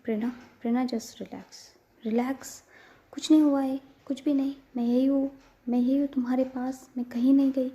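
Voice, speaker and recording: A woman voicing a gentle young woman who soothes her partner in a soft, coaxing, affectionate way, in a storybook reading. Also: sits high, fairly even intonation, normal speed, muffled recording, lightly acted. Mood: calming.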